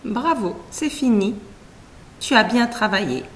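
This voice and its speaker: A woman's voice: a little high, expressive, unhurried, a little hiss or hum. A woman teacher reading out a scripted reading lesson for young children, splitting words into careful syllables and encouraging the child.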